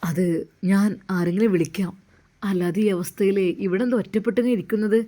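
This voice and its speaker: A kindly young male cleric speaks in a lowered, gentle voice, as a woman narrator puts him on. He asks soft, concerned questions and stays calm and caring. This is a told Malayalam-style storybook reading done by one voice. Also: brisk, natural voice.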